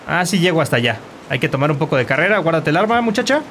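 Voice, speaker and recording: A man commentates his gameplay in a slightly high, very lively voice. He bursts into shouts and insults at enemies. Faint noise sits behind him. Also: rapid-fire. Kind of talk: let's play commentary.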